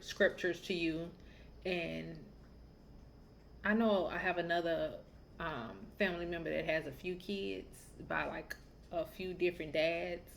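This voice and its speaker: On her podcast, a Southern-raised woman with a lowish voice chats casually through a family story, candid and full of opinions. A faint hiss or hum sits under the audio.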